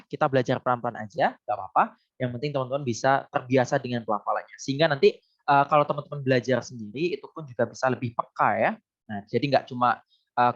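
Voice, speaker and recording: A woman's voice: a bass voice, dry recording, dull audio. A woman with an Indonesian accent teaching an online English lesson, patient and encouraging, switching between Indonesian and English. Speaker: English coach.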